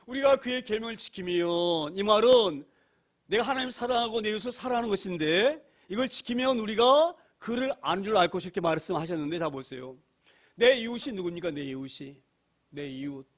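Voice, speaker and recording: Middle-aged male pastor, high voice, emphatic church sermon full of rhetorical questions and repeated phrases. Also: animated, a little fast. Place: church sanctuary.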